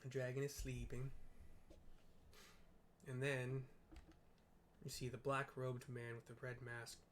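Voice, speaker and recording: A gamer narrates a playthrough slowly in a medium-pitched voice with little pitch movement. His casual, rambling commentary describes scenes as they happen and includes some mild swearing. Video game music plays behind him, with slight background noise.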